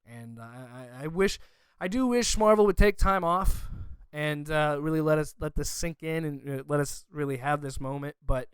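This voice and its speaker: A man's voice: fairly high pitch, normal speed, hardly any pauses, clean tone, no room sound. A young man hosting a podcast, gushing emotionally in a casual review chat with lots of fillers. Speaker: podcast host.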